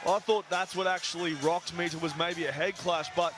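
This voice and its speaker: Male fight analyst, conversational commentary, high pitch, clear music in the background. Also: fairly even intonation, normal speed.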